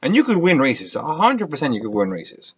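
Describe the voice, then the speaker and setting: A man co-hosts a casual sports podcast with a slightly high voice and a lively, swooping pitch. He speaks emphatically and drives his points home by repeating them. It all sounds like relaxed banter between friends. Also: brisk, slightly rough. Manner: emphatic, repeats himself for stress. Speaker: podcast co-host.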